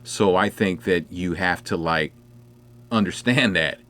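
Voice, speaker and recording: Speaking low and a bit bright at a measured pace, a middle-aged man casually chats through a livestream at home indoors. He responds to viewer comments conversationally, rambling with plenty of fillers like "you know."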